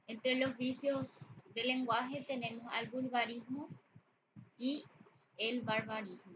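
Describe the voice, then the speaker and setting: Slow-talking woman teaching a class. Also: fairly high pitch, steady tone, fairly bright tone. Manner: slow, explanatory, with fillers. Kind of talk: spoken grammar lesson. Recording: dull lo-fi audio with background noise.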